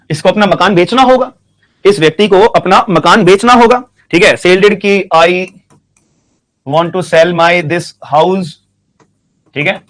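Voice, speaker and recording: A man teaching a law class, speaking slowly and repeating questions and answers so students can write them down, with phrases. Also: high voice, fairly bright tone. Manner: slow dictation, repeats questions and answers, frequent "ठीक है" checks. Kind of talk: classroom lecture.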